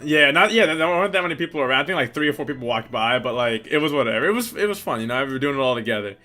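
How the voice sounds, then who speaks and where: A man's voice: mid-range voice, animated, very fast, sharp tone. A young man co-hosting a casual chat about anime, answering viewer questions in a laid-back, rambling way with plenty of fillers. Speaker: channel co-host.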